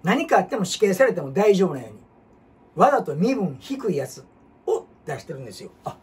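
A man with a Kansai accent, hosting a casual history talk as an animated storyteller who jumps between topics and asks rhetorical questions. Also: high voice, brisk. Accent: Kansai Japanese. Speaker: host. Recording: husky voice from far off the mic.

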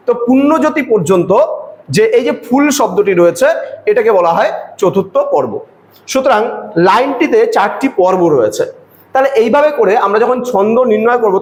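Male teacher, high voice, fast talker, patient step-by-step explainer, echoey room sound. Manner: explaining step by step, repeating examples with rhythmic recitation. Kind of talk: online lecture. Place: coaching class recording.

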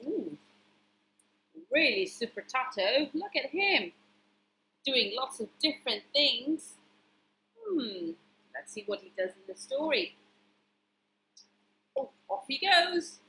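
A woman's voice: high-pitched, very animated, takes it slowly, long pauses, sharp tone, a little hiss or hum, rough recording. A woman reading a picture book aloud to children, pointing out the pictures and asking them questions.

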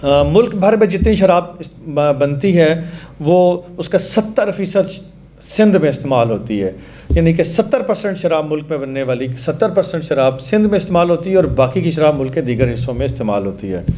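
A man's voice: a little high, animated, normal speed, dark tone. A man in his forties with a Pakistani Urdu accent, giving earnest news commentary to camera in a studio, making appeals.

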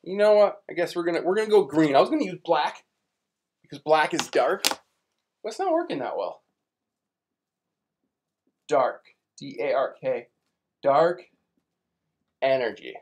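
A man's voice: a little high, very animated, measured pace, pauses often. A young man teaching a live online space class for kids at a whiteboard, chatty and playful, explaining big ideas with everyday examples. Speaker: science teacher.

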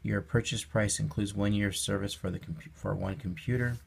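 A man with a husky, gravelly voice hosting a casual product review. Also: fairly low pitch, steady tone, fairly quick. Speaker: host of a budget product review channel.

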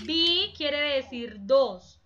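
A woman's voice: sits high, animated, drawn-out words, pushed and bright, dull audio. A woman teaching a children's class, patiently explaining examples and prompting the pupils with questions. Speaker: primary school teacher.

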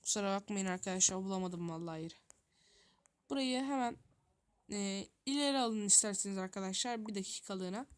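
In a medium-pitched, brisk voice that is clear and resonant, a female gaming YouTuber keeps up live commentary on her game. She thinks aloud, speaks directly to her viewers, and mutters to herself, sounding flustered.

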